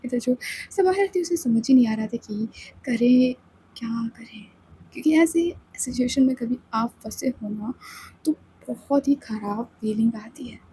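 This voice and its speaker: A woman's voice: a little high, a little slow, warm tone, slight background noise, low-quality recording. A woman narrating a story in a chatty way and talking directly to the listener.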